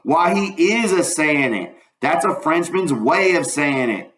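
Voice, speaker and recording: A man's voice: a little high, lively intonation, measured pace, fairly bright tone, voice pushed up. Man reading as Huck, plainspoken country boy, echoey. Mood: patient persuading. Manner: plain, colloquial, explaining. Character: plainspoken country boy Huck, patient, matter-of-fact explainer. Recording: roomy, echoing room.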